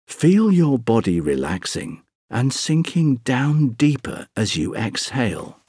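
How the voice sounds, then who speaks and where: A man narrating a scripted guided sleep meditation, speaking softly and breathily in a soothing, gentle, unhurried way with long pauses. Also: medium pitch, big pitch swings, husky, no room sound, clean studio sound.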